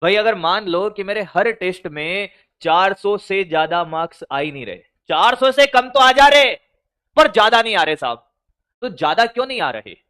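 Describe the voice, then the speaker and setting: A man's voice: high voice, animated, normal speed, bright, forceful tone, smooth. A male teacher giving blunt, scolding study advice to exam students, calling them brother and son. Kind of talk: motivational study advice lecture.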